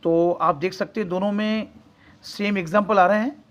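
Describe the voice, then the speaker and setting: High-voiced man teaching grammar. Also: steady tone, moderate pace. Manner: repeats points, asks and answers his own questions. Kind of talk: grammar lesson explaining English in Hindi.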